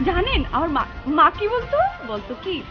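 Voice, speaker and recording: A woman's voice: extremely high pitch, big pitch swings, normal speed. A woman acting in a TV comedy drama who talks in a gushing, flirty way, with many breathless exclamations. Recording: dull lo-fi TV audio with music.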